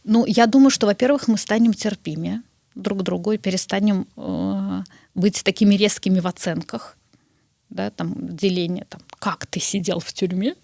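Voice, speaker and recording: A woman answering interview questions in a measured, explanatory way, often turning to the listener to make her point. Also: medium pitch, vocal fry, dark tone, no echo, clean studio sound. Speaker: guest.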